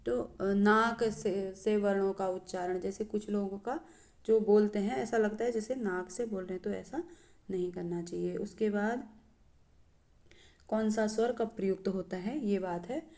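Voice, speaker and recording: A woman gives a lesson at an unhurried, measured pace. Her voice is soft and mellow, and she recites each verse slowly before explaining it with pauses and hesitant fillers. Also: medium pitch. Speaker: Sanskrit teacher.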